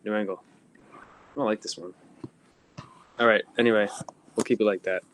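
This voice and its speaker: There's slight background noise as a young man co-hosts a laid-back podcast over a phone mic. His lowish, fairly bright voice keeps a moderate pace and fairly level intonation while he spins long, rambling tales dotted with ums and laughter.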